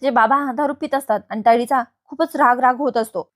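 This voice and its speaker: A woman telling a TV serial's plot in a lively, chatty storytelling style, addressing listeners as friends. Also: fairly high pitch, a little fast. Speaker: TV serial recap narrator. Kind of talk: casual storytelling recap.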